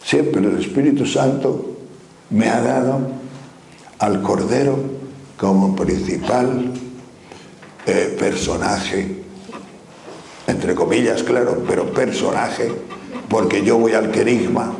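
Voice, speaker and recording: An older man from Spain preaching a sermon in a lively, questioning way, speaking to his listeners as brothers. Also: lowish voice, slow pace, gravelly, long pauses. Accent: Spanish from Spain. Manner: animated, rhetorical questions, addresses listeners as brothers. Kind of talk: spoken sermon. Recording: echoey room with faint background noise.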